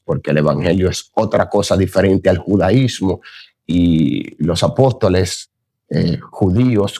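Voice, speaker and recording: This Bible teacher, a man with a warm, low-pitched voice, records his lesson in a clean studio with no echo. Speaking earnestly and unscripted, he repeatedly says "Gloria a Dios," occasionally trips over his words and stops to correct himself.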